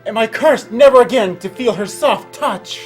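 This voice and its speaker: A man's voice: very high-pitched, moderate pace, faint music behind, poor audio. A man playing a vengeful, heartbroken young lover, speaking in archaic, melodramatic stage lines. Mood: grieving.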